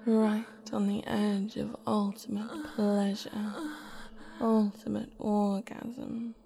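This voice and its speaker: A woman doing an intimate ASMR role-play close to the ear, breathy, soothing and hypnotic in her coaxing. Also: mid-range voice, little pitch movement, slow, mellow. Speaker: adult audio performer.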